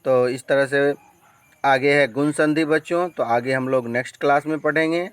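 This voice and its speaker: A man teaching a grammar lesson with a Bihari Hindi accent, slow and deliberate, drawing out each example and repeating his points. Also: medium pitch, fairly even intonation, clear, resonant tone, dry recording.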